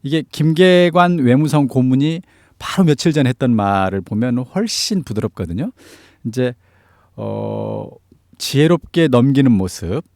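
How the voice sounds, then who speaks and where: A man's voice: medium pitch, animated, measured pace, gravelly, darkish tone, dry recording, studio quality. A man giving explanatory analysis as a political commentator in an interview, stressing key phrases. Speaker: news commentator on North Korea affairs.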